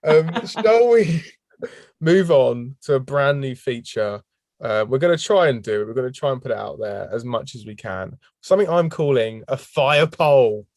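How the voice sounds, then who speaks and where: A man's voice: medium pitch, animated, normal speed, darkish tone, no echo, clean studio sound. A man co-hosting a podcast in casual chat, laughing often as he talks. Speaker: podcast co-host.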